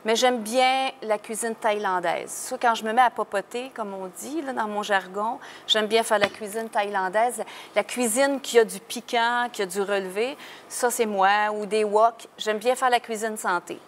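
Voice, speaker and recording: A woman's voice: medium pitch, normal speed, slight background noise. A woman with a Québécois French accent, a singer from Quebec talking frankly and laughing easily in a casual interview. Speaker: singer guest.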